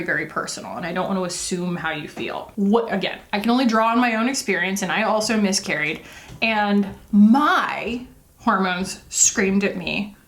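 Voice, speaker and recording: A woman beauty vlogger talking casually and confessionally, in a candid, empathetic way with emphatic asides. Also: medium pitch. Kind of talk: casual confessional chat while doing makeup.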